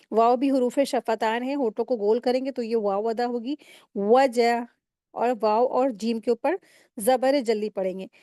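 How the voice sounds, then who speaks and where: A woman teaching Quran recitation rules step by step in a patient, explaining manner, pausing to recite words slowly. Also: on the high side, mellow, no room sound, studio quality. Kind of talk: step-by-step tajweed lesson.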